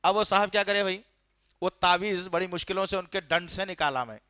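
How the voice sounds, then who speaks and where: High, bright-voiced preacher. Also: male voice, clean tone, no room sound, clean studio sound. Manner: storytelling, questions the audience directly; fervent, indignant. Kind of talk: sermon.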